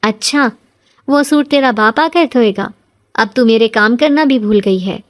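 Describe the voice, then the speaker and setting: A woman voicing a harsh older mother-in-law who shouts and scorns, in a storybook reading. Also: on the high side, close to an everyday voice. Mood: shouting.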